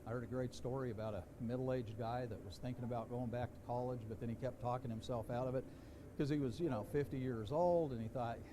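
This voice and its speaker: Folksy preacher with rising questions. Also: male voice, mid-range voice, fairly even intonation, fast, noisy background. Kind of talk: sermon. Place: church sanctuary.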